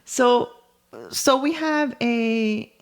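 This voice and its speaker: A woman co-hosting a casual podcast, telling family stories in an animated way and laughing often. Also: a little high, drawn-out words, clear, resonant tone. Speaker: podcast co-host. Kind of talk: casual chat.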